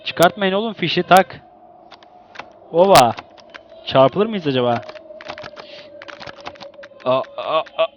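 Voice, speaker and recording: A young man giving casual let's-play commentary, excitable, exclaiming and grumbling at the game. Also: on the high side, slow pace, pauses often, lo-fi sound, a little hiss or hum. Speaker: gaming YouTuber.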